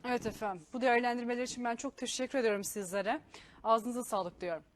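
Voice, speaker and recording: A woman's voice: fairly high pitch, steady tone, fast. A woman working as a TV news presenter, conducting a live interview in a courteous, formal way.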